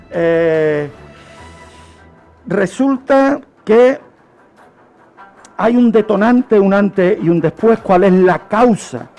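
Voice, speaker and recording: A man with a Spanish accent from Spain tells history unscripted on the radio in a high, darkish voice, with faint music underneath. He's unhurried and didactic like a teacher, posing questions and then answering them himself.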